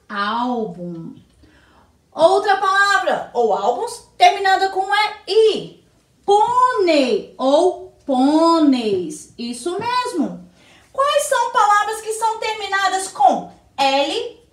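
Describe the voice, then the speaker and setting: A woman teacher with a Brazilian Portuguese accent giving a recorded lesson to young children, slowly asking questions and answering them herself. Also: very high-pitched, far from the mic. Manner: slow, sing-song teacher talk, answers her own questions. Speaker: primary school teacher. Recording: echoey room, slightly off-mic.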